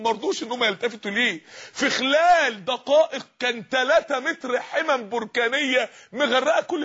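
A man with an Egyptian Arabic accent and a husky voice, preaching a fervent sermon full of pleading, repeated rhetorical questions. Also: extremely high pitch, a bit bright, muffled recording.

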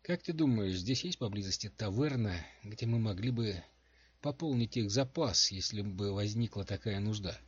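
A man voicing a blunt, hot-tempered woman warrior in a husky voice on a dull home recording. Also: on the low side, animated, moderate pace, no room sound. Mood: demanding.

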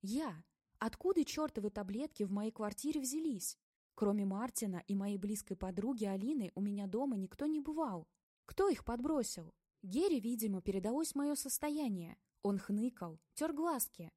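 A woman narrating a first-person audiobook, reading with expressive, emotional delivery and voicing the heroine's dialogue. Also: a little high, moderate pace, no room sound, studio quality.

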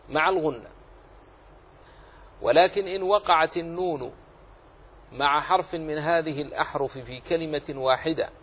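A man's voice: on the high side, a bit bright, breathy edge, rough recording. A man teaching a lesson on Quran recitation rules, explaining patiently and repeating key phrases. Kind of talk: Islamic lesson on tajweed rules.

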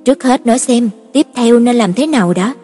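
A woman reading an impatient sharp young woman. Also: on the high side, slightly rough. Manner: quick, pointed, at times gentle. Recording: reverberant, with soft background music.

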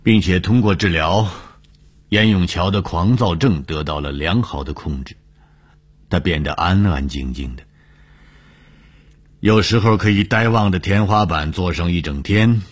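A man narrating a broadcast story in a measured, dramatic way. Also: low voice.

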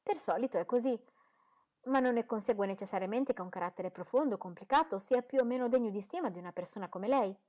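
A spirited, witty young lady, as a woman narrator reads her out, quick and bright in her replies. The voice rises a little above the narration, lively and engaged, in an audiobook reading. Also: fairly high pitch, voice pushed up, lightly acted.

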